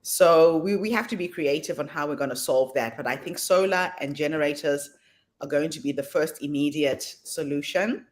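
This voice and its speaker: A woman hosting an online summit, speaking in a brisk, practical and earnest way. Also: low-pitched. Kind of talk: casual chat on a video call.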